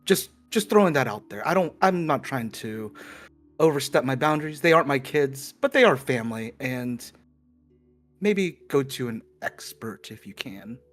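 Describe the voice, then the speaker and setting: A man voicing a hesitant, worried young hero in a tabletop game, halting with many fillers. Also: medium pitch, animated, fairly bright tone, faint music behind, lightly acted. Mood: earnest.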